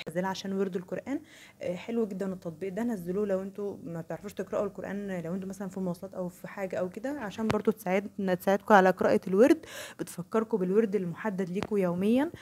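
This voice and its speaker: Fast-talking Egyptian woman, reflective. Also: mid-range voice, mellow. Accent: Egyptian Arabic. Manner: rambling, self-correcting, reflective. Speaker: vlogger. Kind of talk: casual talk while crocheting.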